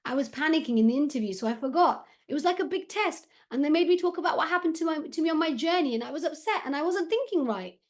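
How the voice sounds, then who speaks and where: A woman reading aloud, voicing a worried sixteen-year-old Syrian boy who speaks halting English with a Syrian accent. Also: medium pitch, a little mellow, lightly acted. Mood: upset. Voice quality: halting, slightly broken English.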